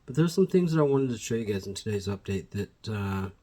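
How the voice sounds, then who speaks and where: A plant shop owner, a man with a lowish, mellow, expressive voice, talks briskly and sounds a bit sniffly from allergies. In a casual how-to vlog shot indoors at home among his plants on a phone camera mic, he chats warmly to viewers, rambling and correcting himself.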